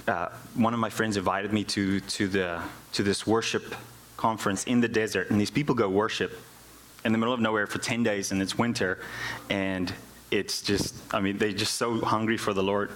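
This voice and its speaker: A South African man, native in Afrikaans, gives an informal testimony in church as a worship musician and music teacher. He speaks at a moderate pace in a lowish, slightly bright voice with a steady tone, often repeating words as he finds his phrasing. Slight background noise can be heard.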